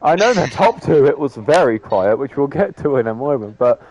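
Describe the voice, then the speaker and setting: A man hosts a casual racing stream and keeps stumbling through "I mean" and "um" as he talks. His voice is mellow and dark. The audio is dull and lo-fi, like a streamed voice chat. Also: mid-range voice, lively intonation, normal speed, a little hiss or hum. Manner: filler-heavy, rambling, frequent "I mean". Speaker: host of sim racing league broadcast. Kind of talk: casual post-race interview.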